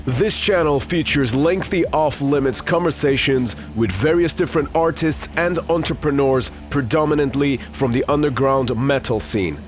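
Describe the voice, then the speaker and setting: A man in his thirties from Iran hosts his own podcast, talking solo in a casual, candid, rambling way full of fillers. His voice is medium-pitched and moderately paced with hardly any pauses, and music plays in the background.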